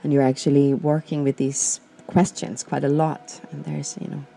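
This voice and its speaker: A woman from Austria hosting a podcast, guiding listeners through a slow, gentle reflection with many pauses and fillers. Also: low voice, little pitch movement, gravelly. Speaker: podcast host. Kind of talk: guided reflection and personal talk.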